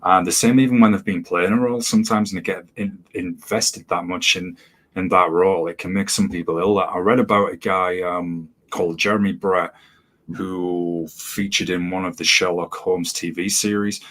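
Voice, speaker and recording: Man, very deep voice, podcast co-host, easygoing casual chat. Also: normal speed. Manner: relaxed, agreeable, frequent "yeah". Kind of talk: casual film review chat.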